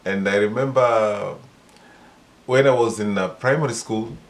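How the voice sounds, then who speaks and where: A Kenyan man in his sixties, answering his daughter's questions in a casual family interview, pausing often with "uh" between his words. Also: on the low side. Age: 60s. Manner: hesitant, many pauses and "uh" fillers. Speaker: interviewee, father.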